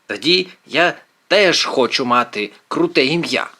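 A man's voice: on the high side, animated, a little slow, bright, forceful tone, pitched above the performer's own voice, full character voice. A man voicing a brainy, precise teenage boy with a fussy, lecturing manner in an audiobook. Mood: wry. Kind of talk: audiobook character voice.

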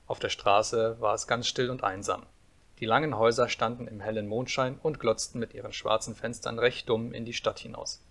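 A man reading a fairy tale aloud as an audiobook narrator, calm and measured. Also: mid-range voice.

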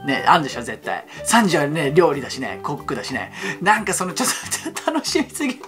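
An excitable man hosts his fan channel, pouring out reaction commentary at a breakneck pace. His voice swings widely up and down as he gets carried away. Music plays clearly under his talk. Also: a little high. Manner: excitable, rapid-fire talking. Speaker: YouTube fan channel host.

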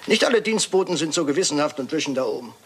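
A man with a fairly high, husky, expressive voice plays a shrewd and fastidious Belgian detective in a German crime radio drama. Playfully inquisitive, he probes with precision and drops in French words.

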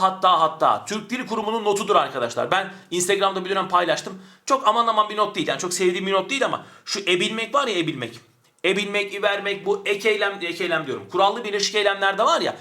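Male grammar teacher, high and bright, animated, drills students with question-and-answer, a little off-mic. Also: quick pace. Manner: animated, stretches words for emphasis, asks and answers his own questions. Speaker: Turkish language teacher. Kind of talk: online grammar lesson. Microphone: camera mic, speaks from a distance to avoid distortion.

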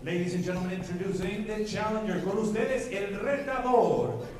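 High, booming lucha libre-style male ring announcer. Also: distant mic. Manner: theatrical lucha libre announcer style, drawn-out shouted names. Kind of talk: bilingual boxing ring announcing. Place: boxing ring in an indoor venue. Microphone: handheld microphone. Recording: echoey PA with long reverb and crowd.

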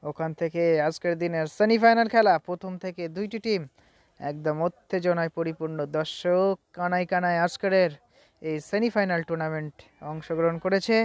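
A man's voice: high voice, fairly even intonation, normal speed, smooth, no room sound. A man giving live play-by-play football commentary in an announcer-like, repetitive delivery. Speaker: football commentator and channel host.

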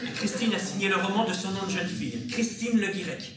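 A man's voice: sits high, fairly even intonation, a little fast, close to an everyday voice. A man acting in an amateur stage comedy, playing an impatient, bossy man who is sarcastic and exasperated. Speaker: stage actor. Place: theater stage. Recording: echoey theater from far off, loud noise.

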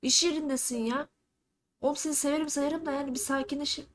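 Excitable woman streamer scolding game characters. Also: sits high, fast. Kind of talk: casual let's-play commentary, reading game dialogue aloud.

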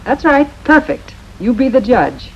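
A woman's voice: a little high, sing-song, a little slow, creaky, exaggerated voice. A woman playing a confident homemaker spokeswoman in a scripted 1950s television commercial, making earnest, emphatic promises. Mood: assured. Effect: 1950s TV broadcast sound. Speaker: brand spokeswoman. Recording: dull lo-fi 1950s TV audio with faint hiss.

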